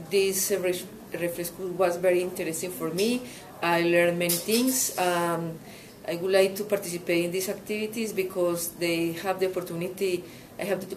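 A woman's voice: lowish voice, darkish tone, poor audio. A woman from Colombia giving a hesitant testimonial to camera, with many fillers. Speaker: course participant.

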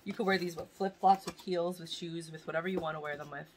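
In a cluttered little room full of boxes and bags, a fashion vlogger in her forties chats to a desk-distance camera about her giveaway, rambling and gushing through her pain. She talks at a quick pace in a lowish voice with fairly even intonation, against a noisy background.

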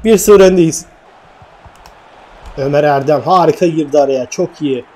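A young man giving excited play-by-play commentary on his own football video game match, swinging from calm narration to shouts at missed chances. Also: a little high, normal speed. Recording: faint game music behind.

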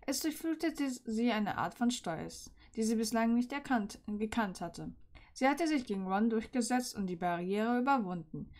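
A woman reading fan fiction aloud in a calm storybook manner, with small slips and restarts. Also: fairly high pitch.

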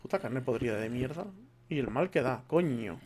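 Swearing Spaniard gamer muttering while playing. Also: male voice, mid-range voice, lively intonation, moderate pace, darkish tone, a little hiss or hum. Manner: swears a lot, mutters to himself. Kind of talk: let's play commentary.

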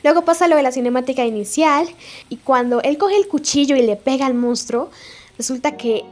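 A young woman casually and playfully recapping a game's story, chatty and expressive. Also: sits high, brisk. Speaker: gaming video creator. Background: faint background music.

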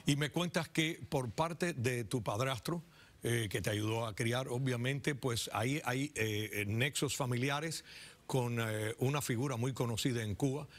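A man's voice: mid-range voice, measured pace. A man hosting a TV studio interview, asking guided questions on a lapel mic. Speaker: TV host.

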